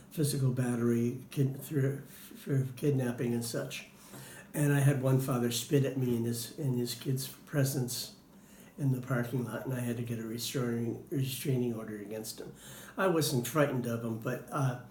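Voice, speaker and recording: A man's voice: mid-range voice, darkish tone. Man interviewee, hesitant, filler-heavy, roomy recording with faint hiss. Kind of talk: casual interview answers.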